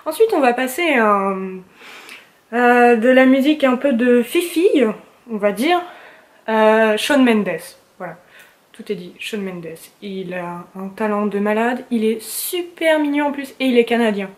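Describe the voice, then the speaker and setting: A young vlogger speaks to camera from a room in her house about her favorite things, gushing with slang and fillers. Her slightly high voice has lively intonation, and she keeps a measured pace.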